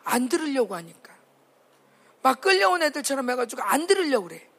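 A woman's voice: sits high, sing-song, brisk, a bit bright, breathy edge. A woman preaching to young people at a camp, emphatic, often asking the audience questions. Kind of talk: sermon.

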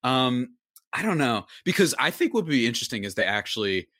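A man co-hosting a casual sports podcast, animated, laughing easily and trailing off mid-thought. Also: medium pitch, brisk, no echo, studio quality. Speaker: podcast co-host.

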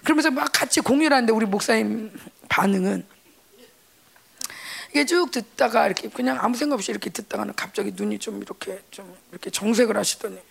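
A middle-aged woman, a pastor's wife, giving a chatty church testimony, animated and laughing as she acts out quoted voices. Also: mid-range voice, quick pace, gravelly, breathy edge.

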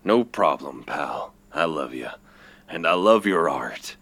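A man leading a comedic group scene, deadpan and teasing, then reassuring. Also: rumbling low, slow, dry recording.

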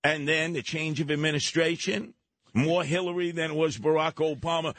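A brash male co-host trades political opinions with colorful, jokey asides. His voice is slightly high, and the sound is close and dry. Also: steady tone, moderate pace, fairly bright tone, dry recording. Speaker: talk show co-host. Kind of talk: political talk debate.

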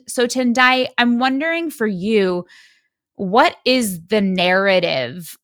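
A woman hosts a podcast in an articulate, enthusiastic voice that sits at a middle pitch. The sound is close and dry, with no room around her. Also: a bit bright, no room sound. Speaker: podcast host. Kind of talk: scripted intro then interview questions.

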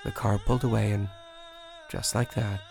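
A man hosting a radio show, telling a first-person story in a measured, expressive way and raising his voice at the tense moments. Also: lowish voice, gravelly, over music.

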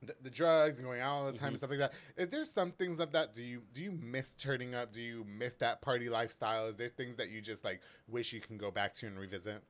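Fast-talking, brash podcast host. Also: male voice, medium pitch, fairly even intonation. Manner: fast, loud, crude and playful, reads sponsor shout-outs. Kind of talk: casual chat.

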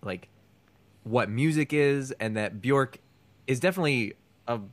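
A man co-hosting a casual music podcast, talking in halting bursts padded with "like.". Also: medium pitch, no room sound. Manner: halting, leans heavily on "like". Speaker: podcast co-host.

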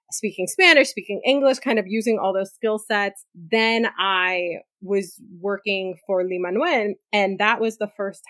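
Speaking at a medium pitch with no echo, a corporate lawyer in her thirties from New York City answers interview questions conversationally. She recounts her life story candidly and vividly, peppering it with frequent "likes" and side comments.

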